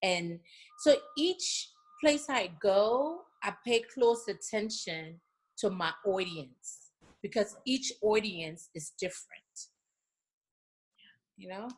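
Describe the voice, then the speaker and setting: A middle-aged Liberian woman, a guest in a casual remote interview, speaks slowly in a mid-range voice. Her answers are earnest and repetitive, peppered with "you know."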